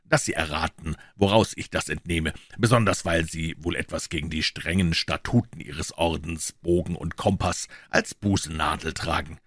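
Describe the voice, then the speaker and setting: A man voicing a shrewd, calm detective who explains in a low, measured, quietly assured way in an audiobook. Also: dry recording, clean studio sound. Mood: explaining. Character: shrewd calm male detective, dryly ironic. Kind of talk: audiobook character voice.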